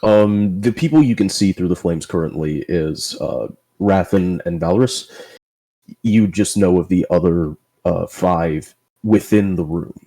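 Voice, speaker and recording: Man, dungeon master, deep, warm mellow tone, relaxed. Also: a little slow. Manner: relaxed, explains rules, thinks aloud. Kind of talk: running a tabletop game.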